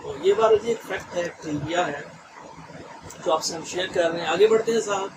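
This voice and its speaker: Man, chatty online trainer, checks in with listeners often, high voice, off-mic, noisy background. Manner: chatty, mixes English phrases, frequent "theek hai ji" checks. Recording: distant mic with noisy room ambience.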